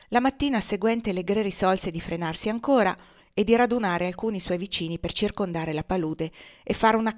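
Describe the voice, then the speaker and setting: A woman from Italy reading a classic novel aloud in a measured, expressive storytelling voice. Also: lowish voice. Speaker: reader.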